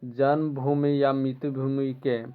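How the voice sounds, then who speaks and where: A man teaching a school textbook lesson, explaining slowly and repeating phrases so students can follow, now and then clearing his throat. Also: mid-range voice, flat delivery. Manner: slow, deliberate, repeats phrases to make them clear. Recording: tinny phone-like recording.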